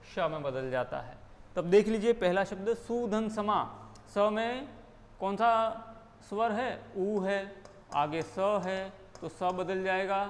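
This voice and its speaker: High-voiced Rajasthani man teaching grammar. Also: big-room sound. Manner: explains step by step, asking and answering his own questions. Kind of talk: Hindi grammar lesson.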